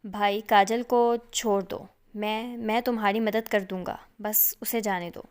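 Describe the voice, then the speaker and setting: A woman's voice: mid-range voice, fairly even intonation, clean tone, lightly acted. A woman voicing a desperate young man. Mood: pleading.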